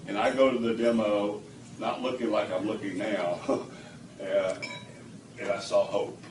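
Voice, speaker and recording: Speaking at a measured pace in a lowish voice, a man shares a story-style testimonial with a small audience at a product demo. He acts out dialogue with animation and often laughs. The indoor room echoes, and the distant recording picks up background noise.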